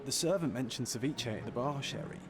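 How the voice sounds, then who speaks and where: A male actor playing an easygoing, teasing companion of a detective in a video game, familiar and gently chiding. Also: medium pitch, fast, a crowd in the background, close to an everyday voice. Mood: teasing, friendly. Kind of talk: scripted game voice acting. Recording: music clearly behind the voice.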